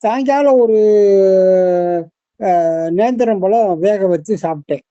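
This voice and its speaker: Halting caller heard over speakerphone. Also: mid-range voice, lively intonation, dark tone, no room sound. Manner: slow, halting, with many fillers. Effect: heard over a phone on speakerphone. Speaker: caller in a health class. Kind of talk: casual phone report. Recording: dull, dry phone-line sound.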